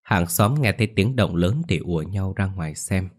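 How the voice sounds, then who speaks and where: Deep-voiced male storyteller for scripted ghost story narration, steady delivery. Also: moderate pace, slightly rough.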